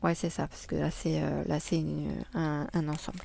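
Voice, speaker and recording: A woman's voice: deep voice, flat delivery, moderate pace, creaky, dark tone, a little hiss or hum. A woman chatting casually in a crafting haul vlog, hesitating often with many fillers. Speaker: crafting vlogger. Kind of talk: casual haul video chat.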